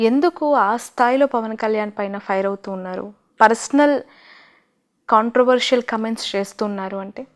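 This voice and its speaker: A woman interviewing a guest, asking questions and giving short acknowledgements. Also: on the high side.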